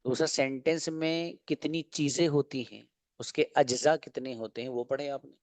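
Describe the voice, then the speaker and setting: A man teaching an online English class, explaining slowly and asking and answering his own questions. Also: mid-range voice, fairly even intonation, darkish tone, dry recording.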